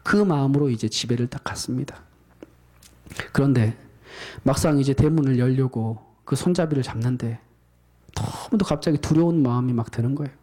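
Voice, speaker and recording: Warm-voiced male pastor telling a story. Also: medium pitch, normal speed. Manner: dramatic, emotive storytelling. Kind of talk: sermon storytelling.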